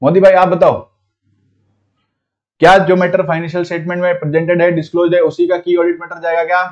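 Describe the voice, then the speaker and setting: A man with an Indian English accent lecturing a class on auditing in a casual mix of languages, teasing students by name and slowing down to repeat key phrases. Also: high-pitched, completely flat delivery, highs cut off. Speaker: CA audit teacher.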